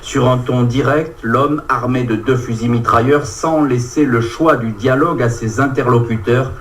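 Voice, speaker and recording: A man's voice: medium pitch, moderate pace, recorded from a distance, slight background noise. A man delivering a scripted radio news report in a neutral, narrative tone.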